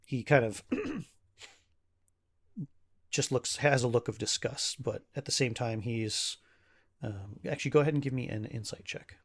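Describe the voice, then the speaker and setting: A man's voice: mid-range voice, moderate pace. A man working as game master, narrating a tabletop game in a casual way with lots of fillers.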